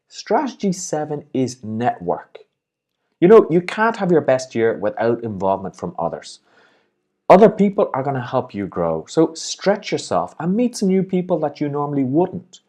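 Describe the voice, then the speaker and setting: Upbeat man with a lively voice. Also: on the high side. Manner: upbeat, encouraging, smiling as he speaks. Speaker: life and business coach, host. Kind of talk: motivational video talk.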